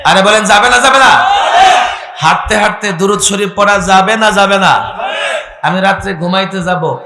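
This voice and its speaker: A man's voice: sits high, echoey room, in a large hall. A male preacher, giving a sermon to a gathering and calling out questions for the crowd to answer. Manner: calls out questions to the crowd and urges loud replies. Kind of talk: sermon at an outdoor religious gathering. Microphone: public address microphone.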